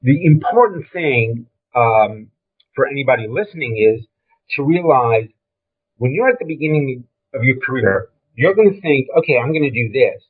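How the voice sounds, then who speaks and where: A man's voice: mid-range voice, animated, moderate pace, breathy edge. An older man with a Brooklyn accent, reminiscing about his career in an emphatic, blunt, conversational way. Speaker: interview guest, film trailer and design veteran. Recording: thin, phone-like call audio.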